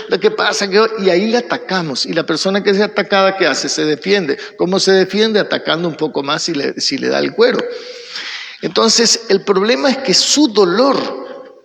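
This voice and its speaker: A man with an Argentine accent leads a church Bible study in a high, gravelly voice. He asks a question, answers it himself, and keeps checking in with his listeners. His voice echoes with long reverb, as if recorded in a large hall. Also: fairly bright tone. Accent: Argentine Spanish. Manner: keeps checking in with the audience by asking "¿sí?"; poses questions and then answers them himself.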